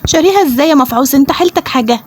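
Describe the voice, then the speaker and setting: Young woman playing a bossy Egyptian older sister, high and rapid-fire, squabbling, casual toy play. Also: animated. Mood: bickering. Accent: Egyptian Arabic. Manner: bossy, quick bickering. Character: bossy older sister bickering with her brother. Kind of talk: playful toy role-play voicing.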